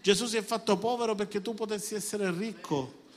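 Man, pastor, sermon, high voice, sudden emphatic bursts, long hall reverb. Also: fairly even intonation, fairly quick. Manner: preaching with sudden bursts and asides to the congregation.

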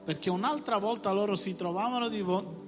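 A man's voice: high-pitched, fairly quick. A man preaching a sermon with passion, rising to emphatic call-and-response. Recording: reverberant hall with music behind. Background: music.

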